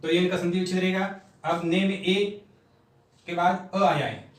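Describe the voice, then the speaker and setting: A man's voice: high-pitched, fairly even intonation, distant mic. A man teaching a grammar lesson at a board, explaining step by step and sounding out syllables one at a time. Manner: slow, step-by-step explaining, repeating syllables aloud. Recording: echoey room, voice off-mic.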